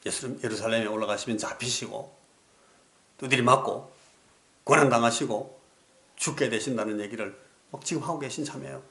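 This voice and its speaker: A man preaching a sermon in a church sanctuary, his voice sitting in a middle pitch. He moves between earnest exposition and soft, pleading appeals. The room gives him a noticeable echo. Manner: earnest preaching that drops to soft pleading, then rises in anecdotes. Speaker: pastor.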